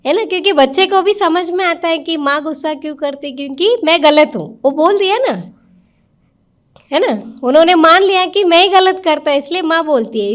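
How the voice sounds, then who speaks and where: Speaking to a live audience in a meditation centre hall, a high-voiced woman gives an interactive spiritual talk. She questions people directly in a coaxing, conversational way.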